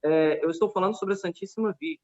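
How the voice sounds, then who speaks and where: A man's voice: sits high, quick pace, a little mellow, muffled recording. A man with a Brazilian Portuguese accent telling a story in a casual podcast chat, earnest and full of quoted back-and-forth. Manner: earnest, retelling a street debate with quoted dialogue.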